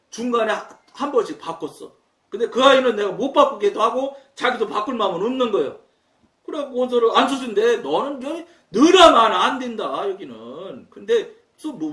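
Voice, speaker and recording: A man preaching a sermon, telling a story in an animated way and acting out the lines of the people in it. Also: high voice, distant mic. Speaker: pastor. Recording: roomy hall, speaker away from the mic.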